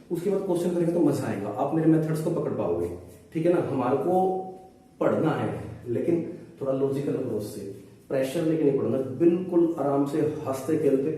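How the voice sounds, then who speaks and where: A man's voice: medium pitch, mellow. A man teaching a maths lesson, patient and reassuring as he talks his students through each step. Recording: echoey room, distant mic.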